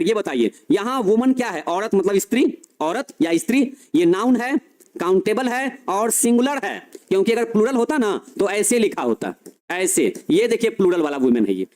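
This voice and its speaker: Male teacher, high voice, repeats points, quizzes the class, lecture delivery. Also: darkish tone. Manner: repetitive, questioning, addresses students as children.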